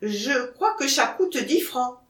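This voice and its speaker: A woman's voice: high voice, big pitch swings, slow, fairly bright tone, reverberant, voice pushed up, heavily acted. A woman reading the lines of a young male monkey seller who haggles plaintively, in an audiobook. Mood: haggling.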